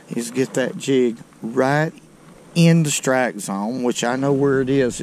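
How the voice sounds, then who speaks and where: The voice is medium-pitched and a little mellow, with vocal fry. It belongs to an older, drawling man hosting a fishing show, chatting folksily about tackle from a small boat on a river. Audio from the boat's action camera is poor, with slight background noise.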